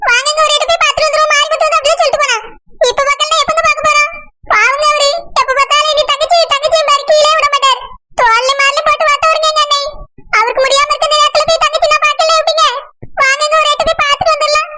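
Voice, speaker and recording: A woman voicing an anxious village wife with a southern Tamil accent who pleads with her husband in a quick, high voice. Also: level tone, background noise. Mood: pleading. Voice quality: pleading, fast-talking.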